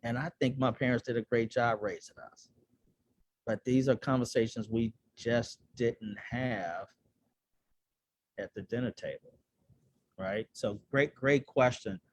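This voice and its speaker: A man's voice: medium pitch, a little slow, long pauses. Earnest man saying "right?" a lot. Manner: earnest, repeats "right?" often. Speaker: guest speaker on personal finance. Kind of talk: conversational webinar talk. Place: home or office on a webinar call. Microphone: video call microphone.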